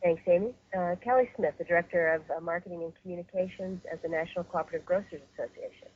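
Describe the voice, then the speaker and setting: A woman hosts a webinar over a muffled phone line, her voice slightly husky. She speaks in a measured way and often pauses on fillers and restarts. The audio is dull and narrow. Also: fairly low pitch, a little mellow. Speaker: webinar host and facilitator. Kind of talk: hosting a webinar conference call.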